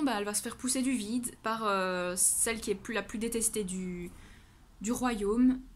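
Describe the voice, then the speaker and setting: A woman chatting casually through her monthly reading update. Her pitch sits in an ordinary middle range, and she gushes with exclamations as she goes. She talks off the cuff and often backs up to restart a phrase. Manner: gushing and exclamatory about books; talks off the cuff with many self-corrections. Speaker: book vlogger.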